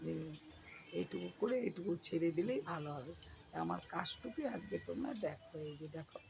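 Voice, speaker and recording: Hoarse gravelly lady doing a chatty home vlog, noisy recording, animals around. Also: fairly low pitch. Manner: chatty, addresses viewers directly with many fillers. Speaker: vlogger. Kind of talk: casual home vlog narration.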